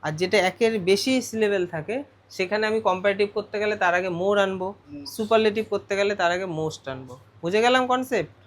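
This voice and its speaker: A man's voice: high voice, fairly quick. A male teacher going through a grammar lesson step by step, often putting questions to his students. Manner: explains step by step, asks the class questions.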